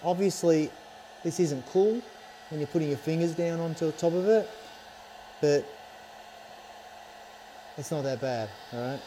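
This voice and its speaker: With a fairly high, warm voice, this Australian helmet accessory maker speaks unhurriedly, leaving long pauses as he teaches a casual hands-on tutorial from his workbench in a small indoor studio. He's reassuring and informal, often checking "okay?" and "all right?" The recording is rough, with a little hiss or hum.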